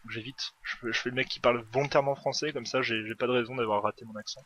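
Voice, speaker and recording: A man casually commenting on his own gameplay with a bright, forward tone. He rambles, hesitates and corrects himself often, like someone thinking aloud while playing. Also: medium pitch, fairly even intonation, racing, slight background noise. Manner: rambling, full of fillers and self-corrections. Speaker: gaming video host.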